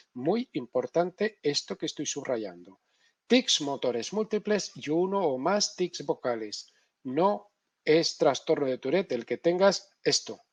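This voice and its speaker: A middle-aged man lecturing in a masterclass, animated and emphatic, often checking in with his listeners. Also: mid-range voice, breathy edge, no echo, dull audio. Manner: animated, emphatic, tag questions. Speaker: neuropsychology lecturer.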